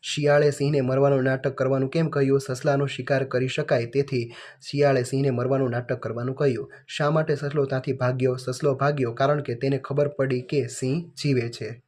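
A man teacher, reading out workbook answers to children in a flat, list-like way. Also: mid-range voice, fairly quick.

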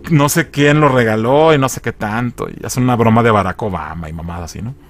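A man giving a slangy, animated recap of a TV episode, acting out the lines in different voices. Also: medium pitch, brisk. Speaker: video reviewer.

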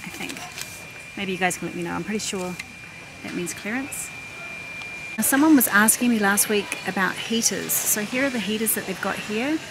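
A middle-aged shopping vlogger chats at a moderate pace, thinking aloud as she browses a large indoor warehouse store. It's filmed on a handheld camera by an operator behind it, and the loud store ambience, rumble and background hum come through clearly.

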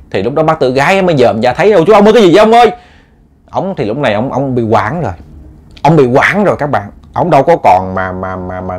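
A man telling a ghost story in a lively way, speaking straight to his listeners with many repeats. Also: medium pitch.

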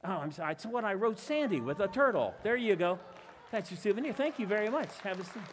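A man running a stage illusion act, talking to a volunteer in a relaxed, self-mocking way. His voice sits a bit high, and it rings with the long reverb of a church hall. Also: fast, some chatter behind, slight background noise. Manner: chatty, self-deprecating, playful asides. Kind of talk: live magic show patter with audience volunteer. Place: church hall before a live audience.

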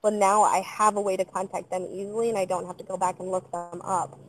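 A woman in her thirties, a small business owner, answering on a panel over a video call from outdoors in a measured, thoughtful way with frequent ums and uhs. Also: medium pitch, fairly even intonation, faint music behind, poor audio. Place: outdoors in front of trees. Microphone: webcam on a video call.

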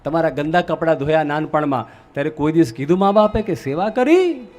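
High-voiced Gujarati man preaching. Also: expressive, fairly quick, darkish tone. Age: young adult. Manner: preaching with rhetorical questions. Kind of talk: sermon.

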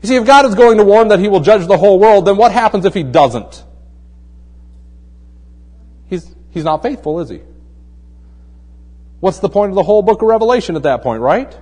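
A pastor with a notably high male voice delivers a relaxed, conversational sermon. He mixes easy joke-telling with pointed rhetorical questions. He often drops to a hushed tone to press a point home. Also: moderate pace, pauses often, in a large hall. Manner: tells jokes in a relaxed storytelling way.

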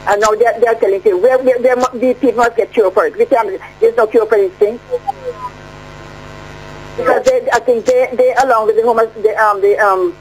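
A woman caller on a muffled phone line that sounds underwater, asking halting questions and repeating words as she presses her point. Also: fairly high pitch, fairly even intonation, slight background noise. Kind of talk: call-in radio question.

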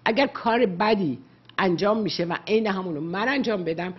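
A woman's voice: medium pitch, breathy edge, muffled recording. A woman psychologist giving earnest, lecturing advice to callers on a radio call-in show, slipping English words into her talk.

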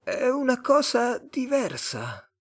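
A high, slow, eerie Martian. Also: male voice, wildly swooping pitch, heavily acted. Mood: wondering. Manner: high, drawn-out and strange-sounding. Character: gentle translucent male Martian, wondering and polite. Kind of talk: audiobook character voice.

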